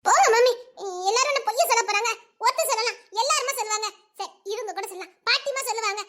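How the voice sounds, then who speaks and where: A woman voices a confused, stubborn young daughter in a Tamil serial drama, insisting and protesting again and again in a Tirunelveli Tamil accent. She speaks fast in a very high, fairly bright voice.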